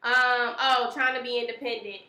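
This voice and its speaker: A woman's voice: a little high, steady tone, moderate pace, sharp tone, roomy sound, low-quality recording. A woman co-hosting a casual live-stream talk show, laid-back, sarcastic and slangy. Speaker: co-host.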